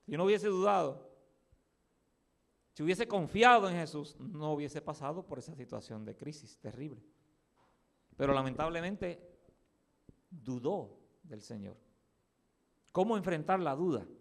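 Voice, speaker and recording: A man preaching a sermon on the radio as a pastor, swinging between loud, emphatic cries and quiet, low musing as he acts out Bible dialogue. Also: gravelly. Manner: acts out quoted Bible dialogue with dramatic voices. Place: radio studio or church pulpit.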